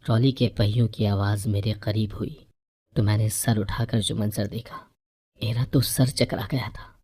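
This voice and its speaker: A woman narrating a first-person moral story in a measured, even reading voice. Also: rumbling low, husky.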